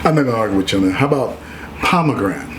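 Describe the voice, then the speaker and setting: A man's voice: lowish voice, lively intonation, racing. A man from the United States with an American accent, chatting casually and teasing as he debates. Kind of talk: casual bantering chat with partner. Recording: clearly noisy room background.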